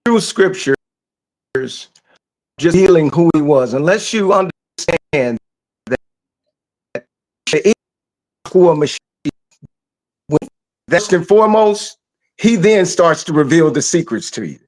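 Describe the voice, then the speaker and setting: A man calling in over a video call that keeps buffering and freezing, giving a slow, halting faith testimony. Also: fairly high pitch, animated, a little mellow, poor audio. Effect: buffering, freezing video-call connection that stutters the voice. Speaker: guest calling in.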